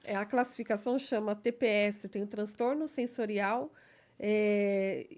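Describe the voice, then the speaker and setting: A woman's voice: mid-range voice, unhurried, darkish tone. A woman, a guest in an interview, explaining things carefully and a little hesitantly, often checking in with "né?". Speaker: guest, legal assistant. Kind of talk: personal conversational interview.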